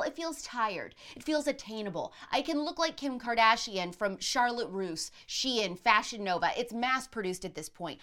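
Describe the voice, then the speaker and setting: A woman hosting a commentary show, delivering pop-culture and political opinions in a brisk, gossipy way. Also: on the high side, fairly bright tone.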